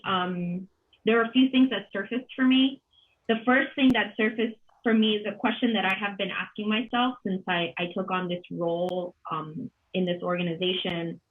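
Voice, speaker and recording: A Colombian woman in her thirties, who directs an arts organization, moderates a panel with reflective, unscripted remarks. Her medium-pitched delivery is halting and thoughtful, full of pauses and repeated words. She's in her home kitchen on a video call, and the computer mic gives narrow, dull, lo-fi, band-limited audio.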